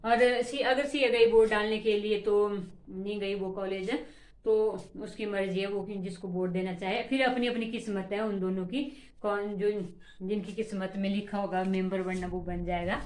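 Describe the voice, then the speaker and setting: A woman's voice: mid-range voice, fairly even intonation, normal speed, roomy sound. A woman chatting casually to her vlog audience from outdoors in strong wind, short of breath, calling out to pets and family. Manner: shouts over the wind, scolding pets and family. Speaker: vlogger. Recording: phone recording with loud wind noise.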